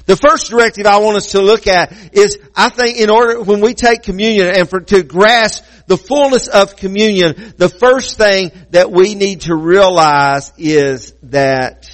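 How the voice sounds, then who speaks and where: A man preaching a communion sermon, emphatic, slowing down to repeat key phrases and adding playful asides to the congregation. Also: sits high, long reverb tail, poor audio. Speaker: pastor.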